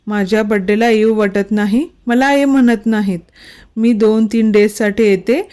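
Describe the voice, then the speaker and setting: A woman's voice: medium pitch, mellow, lightly acted. Pihu, a woman voicing a sulky young wife. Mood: pleading. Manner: pleading, quick to anger. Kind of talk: storybook reading.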